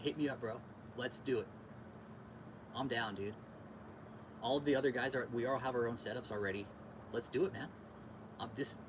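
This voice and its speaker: Background noise surrounds this medium-pitched American man from California as he hosts a casual livestream. A podcast and livestream host, he chats with viewers in relaxed, slangy bro-talk, repeats phrases and swears freely.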